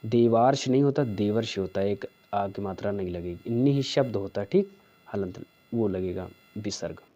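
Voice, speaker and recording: A man teaching a spelling lesson for exam preparation, going slowly through each answer and checking in with "theek hai". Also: on the low side, warm tone, dull audio. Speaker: Hindi teacher.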